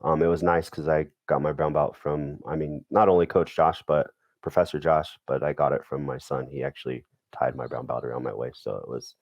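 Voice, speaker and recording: A man's voice: rumbling low, fairly even intonation, brisk, hardly any pauses, darkish tone, no echo. A middle-aged man, a podcast guest, telling family stories in a laid-back, laughing way. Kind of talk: casual storytelling.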